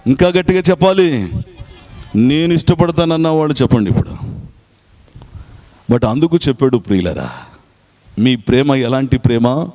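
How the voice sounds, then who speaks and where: At a night meeting in church, a male pastor preaches a sermon, repeating scripture phrase by phrase and urging the congregation to respond loudly. His mid-range voice is animated, at normal speed with long pauses.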